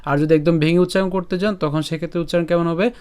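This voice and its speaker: A man teaching Sanskrit verse pronunciation in an online lesson, chanting each line slowly and drawn out, then explaining the sounds step by step. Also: a little high, steady tone, a little mellow, clear, resonant tone.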